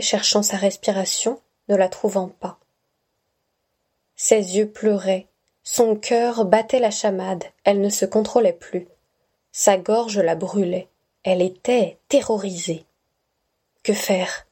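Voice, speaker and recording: A woman narrating a short story aloud, reading slowly and evenly. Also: medium pitch, mellow, husky. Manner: slow, measured reading. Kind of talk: scripted narration.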